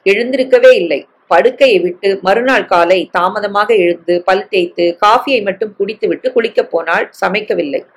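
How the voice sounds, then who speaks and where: A woman's voice: mid-range voice, normal speed, breathy edge. A woman reading a family novel aloud, giving each character a slightly different tone. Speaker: story reader.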